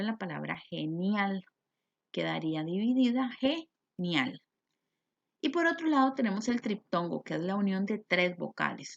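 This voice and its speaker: A woman's voice: mid-range voice, creaky. A Costa Rican woman teaching a recorded grammar lesson, explaining step by step and asking and answering her own questions. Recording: dull lo-fi recording.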